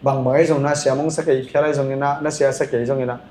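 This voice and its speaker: A man's voice: mid-range voice, flat delivery, rapid-fire, darkish tone. A man chatting casually as a podcast guest, telling rambling stories with lots of filler sounds. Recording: echoey room with faint ambient noise.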